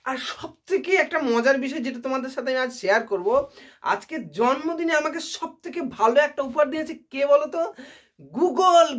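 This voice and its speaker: A man's voice: very high voice, a bit bright. A man vlogging casually to his viewers, chatty and self-mocking, often laughing at himself. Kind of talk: casual comedic vlog.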